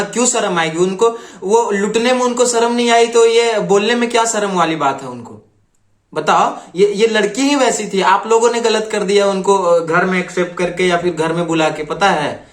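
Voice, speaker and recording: A man's voice: high-pitched, echoey room. A man hosting a reaction video, commenting on clips in an earnest, repetitive, lecturing way.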